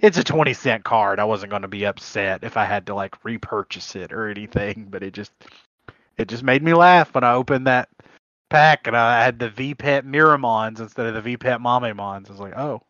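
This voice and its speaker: A talkative man at a middle pitch, chatting casually on a card game podcast and chuckling as he tells his stories. The sound is dry and close, with a slightly dull, lo-fi tone. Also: normal speed, a bit bright, no echo. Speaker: podcast co-host. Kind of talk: casual chat. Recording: muffled lo-fi audio.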